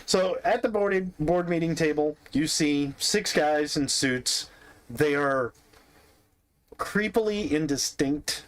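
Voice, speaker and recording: A man's voice: fairly high pitch, takes it slowly. A man narrating as game master in a tabletop game, in a laid-back way with chuckles.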